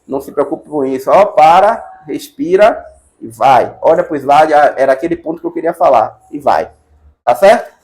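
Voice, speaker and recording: A man's voice: fairly high pitch, animated, normal speed, a little mellow. A middle-aged Brazilian man teaching casually, chatty and encouraging, often adding "né" and "tá bom". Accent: Brazilian Portuguese. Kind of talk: casual advice lesson.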